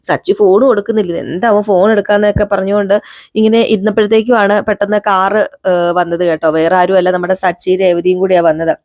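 A woman's voice: medium pitch, fairly even intonation, a little fast, darkish tone, no echo, clean studio sound. A woman casually recapping a TV serial episode, chatty and quoting the characters in her own voice. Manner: chatty, quotes characters in her own voice, frequent "ട്ടോ" fillers.

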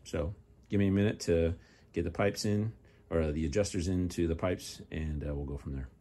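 Low-voiced man explaining garage work. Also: normal speed, dark tone. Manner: explains as he works, thinking aloud. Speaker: hobby car restorer. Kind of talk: casual workshop narration. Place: garage workshop.

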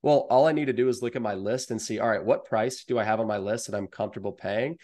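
The guest is a young American online wholesale seller explaining his advice on a video call from a room in his home. He talks fast in a medium-pitched voice with a darkish tone.

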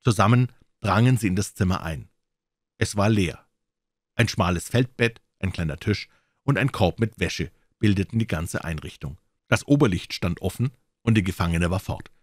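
A man calmly narrating a classic detective story as an audiobook reader. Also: low voice, normal speed, dry recording, clean studio sound. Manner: calm storytelling reading. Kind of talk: scripted narration.

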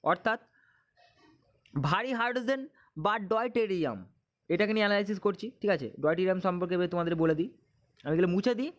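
Guy with a really high voice, teaching exam stuff, keeps repeating and asking questions. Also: a bit bright. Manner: repetitive, drilling questions and answers. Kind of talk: exam-prep chemistry lesson.

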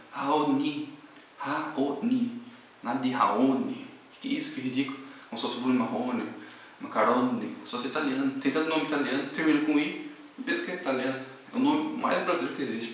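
A young man from Brazil casually reviewing a hair product, rambling and correcting himself as he talks. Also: medium pitch. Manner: rambling, self-correcting, chatty. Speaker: vlogger. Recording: very echoey room, distant mic, faint hiss.

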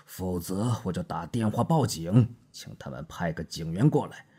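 A man's voice: low voice, expressive, moderate pace, mellow, breathy edge, heavily acted. A man voicing a cold, contemptuous middle-aged doctor who speaks curtly and icily. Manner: curt, clipped and icy.

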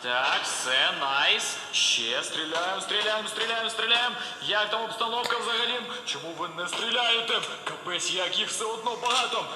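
A man with a high voice narrates his war game as he plays. He talks excitedly to himself in short, repeated bursts. The sound is roomy and echoing, with loud noise behind him. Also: moderate pace, few pauses. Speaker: gamer playing a war game. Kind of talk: live gameplay commentary.

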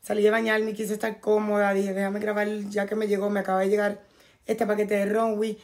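A woman going hoarse, chatting casually to her viewers at home while unboxing and showing off clothes from a package. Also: mid-range voice, monotone, a little fast, darkish tone. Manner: chatty, talks straight to viewers. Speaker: fashion vlogger. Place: at home, in a bathrobe.

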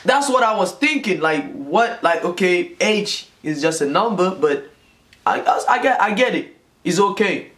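Speaking to a camera set close in front of him, this twenty-something Nigerian vlogger shares a casual story from a small room at home. He has a somewhat high male voice and keeps a measured pace. His delivery is lively and full of gestures, with phrases repeated for emphasis.

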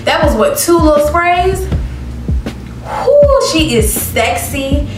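Reviewing perfumes casually on camera, a young beauty vlogger reads the descriptions out loud and reacts with expressive laughter. She has a high-pitched voice and a slow pace, and she's far from the mic. The space is an indoor living room with plants, heard with a roomy echo and music behind.

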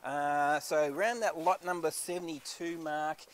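A man's voice: on the high side, steady tone, a little slow. Upbeat man selling warehouse carpet. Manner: chatty, upbeat sales patter. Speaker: auctioneer. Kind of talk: walkthrough of auction stock. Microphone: handheld camera, filming while walking.

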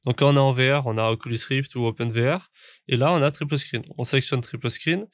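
A man talks through a racing setup tutorial, stopping and restarting his sentences. His voice sits at a middle pitch. It is recorded dry and close on a desk microphone at home. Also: quick pace, no echo. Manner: rambling with many fillers and restarts. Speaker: sim racing YouTuber. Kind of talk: casual tutorial walkthrough. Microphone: studio microphone at a desk.

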